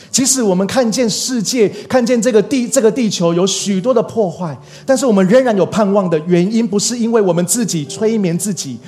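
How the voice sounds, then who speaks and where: A man's voice: sits high, a little mellow. A male pastor giving a sermon in an earnest way, repeating key phrases for emphasis.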